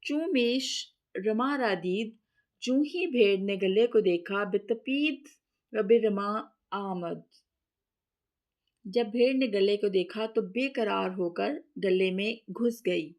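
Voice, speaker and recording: A woman's voice: medium pitch, a little mellow. A woman teaching a lesson. She reads a text phrase by phrase, then translates and explains each one, often repeating and rephrasing.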